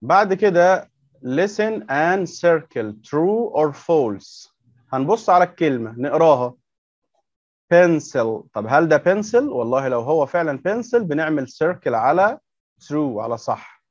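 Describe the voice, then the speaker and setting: A man's voice: on the high side, sing-song, unhurried, dry recording, dull audio. A man with an Egyptian Arabic accent teaching English words to young children, patiently repeating words and asking questions. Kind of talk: workbook lesson explained step by step.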